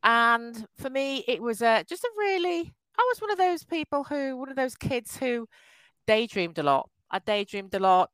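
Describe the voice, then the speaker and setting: Smooth-voiced woman in her fifties. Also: fairly high pitch, lively intonation, moderate pace, no echo, rough recording. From England. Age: 50s. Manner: laughs often, warm and chatty, restarts sentences. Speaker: podcast guest. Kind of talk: casual interview over a call.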